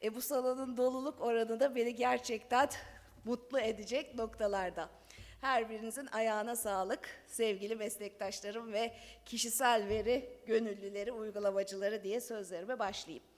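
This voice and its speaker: A woman's voice: on the high side, fairly even intonation, moderate pace. A middle-aged woman speaking at a lectern microphone in a large conference hall, giving a chatty, conversational law talk with light laughter. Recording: long hall reverb.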